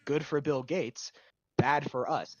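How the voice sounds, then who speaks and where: A young adult man chatting casually on a stream, rambling and swearing, breaking into loud rants. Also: a little high, fairly even intonation, takes it slowly, dry recording, dull audio. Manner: rambling, profane, bursts of loud ranting. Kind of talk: casual chat.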